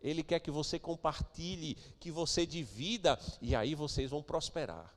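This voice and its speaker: A man preaching a sermon as pastor of a church, moving between quiet asides and loud, emphatic declarations. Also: on the high side, normal speed, long reverb tail. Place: church sanctuary.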